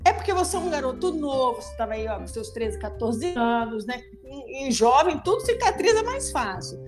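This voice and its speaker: A woman's voice: sits high, very animated, moderate pace, music in the background. A woman, a dentist hosting a podcast, patiently explains aftercare, often checking in with her listener.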